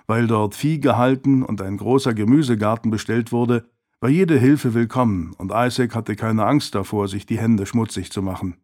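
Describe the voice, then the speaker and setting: Calm male audiobook narrator. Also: lowish voice, moderate pace. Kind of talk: scripted narration.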